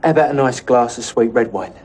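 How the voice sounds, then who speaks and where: A man's voice: medium pitch, fast talker, darkish tone, slight background noise, natural voice. A young man with a London accent playing a scruffy, cheeky, offhand lad in a naturalistic television comedy-drama. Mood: breezy, cheeky.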